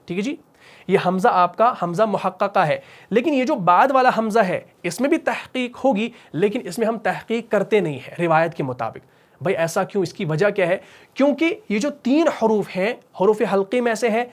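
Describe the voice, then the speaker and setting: Guy teaching recitation rules, walks through each step, asks his own questions then answers them. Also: high-pitched. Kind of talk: tajweed lesson.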